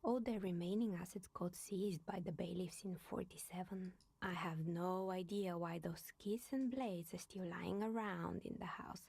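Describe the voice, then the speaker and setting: A creaky, whispery, wry older woman. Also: medium pitch, normal speed, darkish tone. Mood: dry. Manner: dry, sardonic storytelling. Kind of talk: voiced game dialogue.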